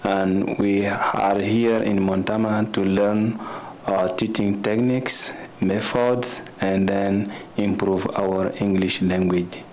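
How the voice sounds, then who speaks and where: Slow, low-voiced man speaking halting English. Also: level tone, a little mellow, slight background noise, poor audio. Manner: halting, non-native English. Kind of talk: formal self-introduction.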